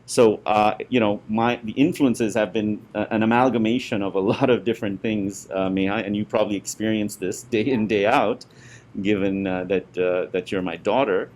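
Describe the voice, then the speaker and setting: A middle-aged man from India, a guest being interviewed, talking warmly with many fillers and restarts. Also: lowish voice, steady tone, normal speed. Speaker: guest, school parent and former board member. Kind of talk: conversational interview.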